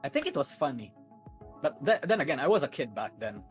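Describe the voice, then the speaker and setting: Young streamer co-host, halting casual chat with repeated words, over music. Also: medium pitch, big pitch swings. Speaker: livestream co-host with own channel.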